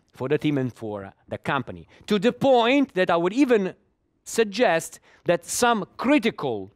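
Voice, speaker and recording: A fairly high-voiced, middle-aged Italian man, whose native tongue is Italian, gives a technical talk in English at a developer conference. Searching for words, he stammers over repetitions and laughs a little, all in a dry, close recording.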